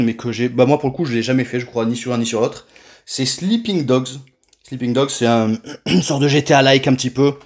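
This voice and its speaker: A man casually presenting his new retro video game purchases, talking loosely with many fillers and restarts. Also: medium pitch. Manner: chatty, many fillers and self-corrections. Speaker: retro game collector, channel host. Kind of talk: casual collection showcase vlog.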